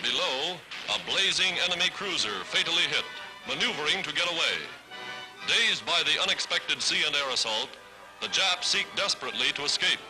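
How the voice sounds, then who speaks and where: A man's voice: a little high, expressive, moderate pace, over music, poor audio. A man giving dramatic, declamatory 1940s wartime newsreel narration.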